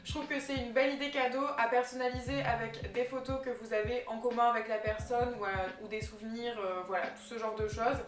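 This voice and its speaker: Gift ideas are the topic as a young woman vlogs enthusiastically, brisk and barely pausing, her high-leaning voice fairly even in intonation and full of fillers. It's a casual chat in an echoey room with faint music behind her.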